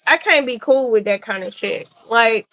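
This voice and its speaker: A woman's voice: on the high side, moderate pace, sharp tone, poor audio. A woman co-hosting a livestream, firm and insistent, restarting her sentences as she pushes her point. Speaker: podcast co-host. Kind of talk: heated livestream discussion.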